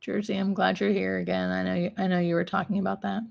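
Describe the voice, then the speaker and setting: A woman's voice: medium pitch, flat delivery, quick pace, gravelly, a little mellow. Woman nurse doing a casual live q&a, talks plainly like she's chatting with you. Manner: informal, conversational, explaining plainly. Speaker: hospice nurse hosting a live Q&A. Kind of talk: casual live-stream chat answering viewer questions.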